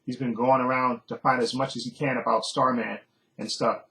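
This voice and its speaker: A man's voice: mid-range voice, little pitch movement, moderate pace, gravelly, a bit bright, poor audio. A man casually recapping a TV episode as a reviewer, rambling with fillers and frequent chuckles. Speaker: TV show reviewer.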